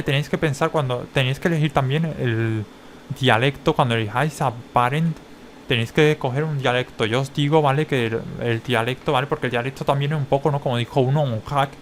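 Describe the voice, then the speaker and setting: A man with a Spain Spanish accent, a vlogger giving a casual, rambling explanation to his viewers. He keeps tagging his phrases with quick checks for agreement. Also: mid-range voice, a little hiss or hum. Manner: rambling, tags many phrases with a questioning check. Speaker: language-learning vlogger.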